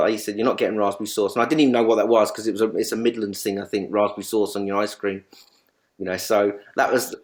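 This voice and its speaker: A man being interviewed, reminiscing about a late colleague in a rambling, halting way with many restarts, growing animated when he retells funny stories. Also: on the low side. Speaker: guest.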